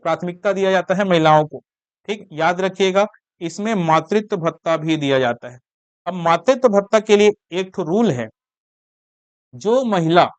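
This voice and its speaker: Young male coaching teacher, raised pitch, coughing through a repetitive exam-drill lecture. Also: clear, resonant tone, no room sound. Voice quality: repeats key points, drills facts.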